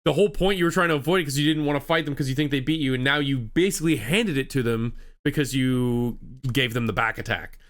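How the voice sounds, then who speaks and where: A man co-hosting a gaming podcast in a middle-pitched voice. He is easygoing and agreeable, dropping short nods and then rolling into longer complaints about a game. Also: quick pace, fairly bright tone. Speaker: podcast co-host. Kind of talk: casual gaming chat.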